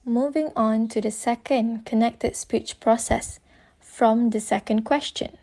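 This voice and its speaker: A woman's voice: a little high, fairly even intonation, unhurried, mellow. A young woman with a Malaysian English accent, whose first language is Malay, giving a scripted student presentation and carefully reading out prepared explanations. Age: young adult.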